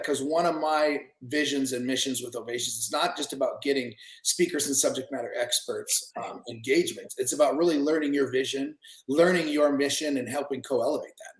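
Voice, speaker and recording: A man's voice: medium pitch, a little mellow, echoey room, poor audio. A man hosting a podcast interview, enthusiastic and conversational. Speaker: podcast host.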